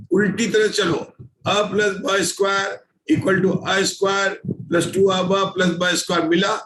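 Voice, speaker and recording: A man's voice: sits high, fairly bright tone, echoey room, a little hiss or hum, low-quality recording. A man teaching an online scripture class, patiently explaining formulas step by step and checking often that everyone follows.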